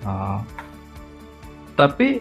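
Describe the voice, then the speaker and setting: A woman's voice: extremely low pitch, huge pitch swings, extremely slow, music in the background. A woman interviewer who keeps the talk going with short prompting questions.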